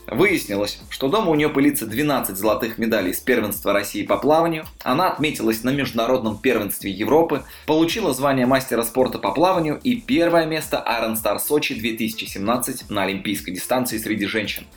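A man's voice: mid-range voice, lively intonation, quick pace, few pauses, faint music behind. A man hosting a podcast, introducing his guest and asking interview questions. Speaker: podcast host.

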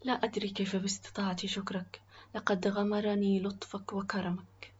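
A woman's voice: mid-range voice, level tone, a little fast, lo-fi sound, a little hiss or hum, lightly acted. A woman voicing an earnest, anxious but determined young boy in a told story. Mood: hushed grateful.

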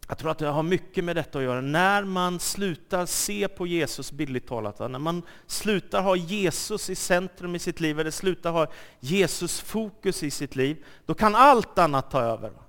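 A man preaching a sermon, telling the story dramatically and swinging from loud quoted lines to soft asides. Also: a little high, expressive. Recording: long hall reverb.

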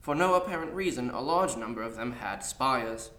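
A man reading a fantasy story aloud in a measured storytelling manner. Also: medium pitch, expressive, a bit bright. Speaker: story reader. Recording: echoey room.

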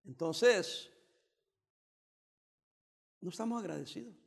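A pastor from El Salvador giving a joking, teasing sermon with bursts of emphasis. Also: male voice, high-pitched, animated, slow pace, vocal fry, in a large hall.

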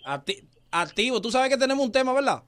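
Fast-talking call-in host. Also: male voice, very high-pitched. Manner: animated, quick, teasing. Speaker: radio show host taking calls. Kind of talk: casual call-in chat.

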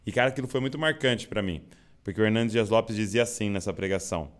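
A man hosting a casual chat, recalling a memory in a relaxed, reflective way. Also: on the low side, fast talker. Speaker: host.

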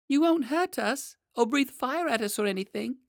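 A man reading aloud, voicing a bold little girl in a high voice. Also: expressive, moderate pace, gravelly, no echo, clean studio sound, heavily acted. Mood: anxious.

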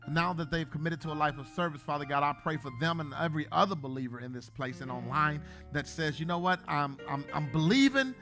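A man in his thirties, a pastor, preaching a sermon in a church, joking at times and then building to loud, emphatic bursts. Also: a little high, brisk, hardly any pauses, soft background music. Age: 30s.

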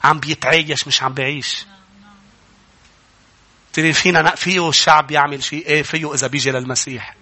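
A middle-aged male pastor with a Lebanese Arabic accent, preaching a sermon that climbs into loud, emphatic passages and calls out for amens. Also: on the high side, fairly even intonation, quick pace, pauses often.

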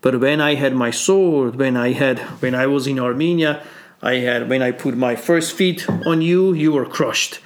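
A man's voice: medium pitch, moderate pace, close to an everyday voice. A man voicing a proud captive Armenian general who boasts of past victories. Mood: defiant.

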